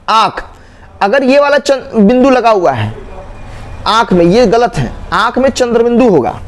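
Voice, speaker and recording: High, lively teacher man. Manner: repeats words slowly, stretching the syllables; asks questions and answers them himself. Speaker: Hindi teacher. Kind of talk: spelling lesson for exam students.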